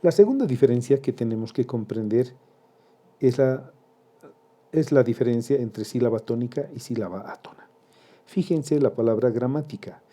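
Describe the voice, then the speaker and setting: Male Spanish grammar teacher, very mellow dark tone, measured explanatory delivery. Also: medium pitch, slightly rough. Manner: slow and deliberate, spelling out syllables. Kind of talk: grammar lesson.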